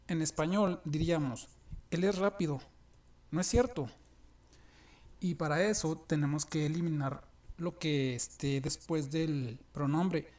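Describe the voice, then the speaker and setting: A man's voice: fairly high pitch, darkish tone. Man explaining English grammar. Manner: slow, deliberate explanations with frequent restarts. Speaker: English teacher. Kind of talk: grammar lesson explaining examples.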